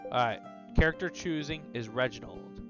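A man's voice: medium pitch, normal speed, highs cut off, over music. Swearing man streaming a game. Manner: swears often, thinks aloud. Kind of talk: casual gaming chat and reading game text aloud.

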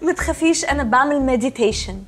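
A woman's voice: high voice, animated, fast, faint music behind. An actress with an Egyptian accent playing a spoiled, prim rich young woman who sprinkles English words into her speech. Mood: earnest. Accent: Egyptian Arabic. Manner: snippy and prim. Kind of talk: TV comedy series acting.

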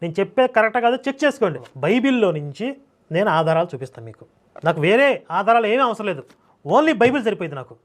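A man preaching a sermon, speaking emphatically, repeating phrases and reading scripture slowly. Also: high-pitched, big pitch swings.

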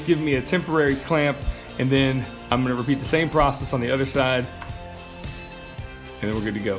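A man in his thirties, the host of a woodworking channel, casually explaining a build in his home workshop. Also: fairly high pitch. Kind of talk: tutorial voice-over and talk to camera. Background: background music.

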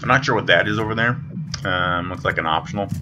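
Very deep-voiced man casually commentating. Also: fast talker, pushed and bright, slight background noise. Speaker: gamer commentator. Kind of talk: casual unscripted game commentary. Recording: game music behind the voice. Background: video game music and sound.

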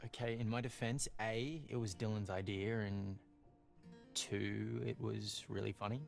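Chill young counselor in a video game, low creaky voice, deadpan, not sorry at all. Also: male voice, measured pace, soft background music. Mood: laid-back joking. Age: young adult. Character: laid-back, unapologetic young male camp counselor. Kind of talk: cinematic video game acting.

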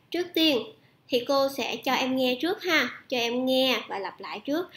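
Female teacher with a Vietnamese accent, high voice, roomy echo, slow drilled repetition. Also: a bit bright. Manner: slow, drawn-out repetition of words for students. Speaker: English teacher. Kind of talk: online lesson, switching between Vietnamese and English.

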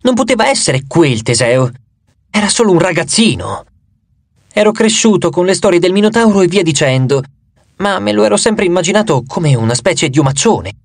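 A man narrating an audiobook in an expressive first-person storytelling manner. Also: a little high, no room sound.

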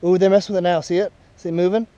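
Fishing at a pond, a young father patiently coaches his son in casual chat, recorded outdoors on a body-worn action camera. His high, smooth, warm voice stays fairly flat in pitch and moves very fast. The recording sounds dry and dull.

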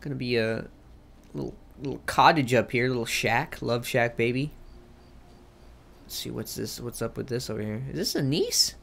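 A man's voice: mid-range voice, normal speed, vocal fry, a bit bright, a little hiss or hum. A young man hosting a let's play, giving casual, joking gameplay commentary full of slang. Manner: joking, slangy, talks to himself.

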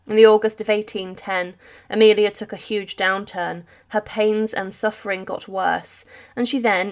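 Woman reading out a sad history story, steady sombre voice-over, mid pitch. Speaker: history channel narrator. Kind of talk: narrated history video.

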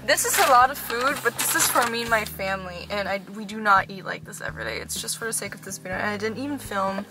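A woman's voice: mid-range voice, fast. A young woman from Canada chatting casually in a food vlog, bubbly and enthusiastic as she shows and tastes dishes. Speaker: food vlogger. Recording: music playing underneath.

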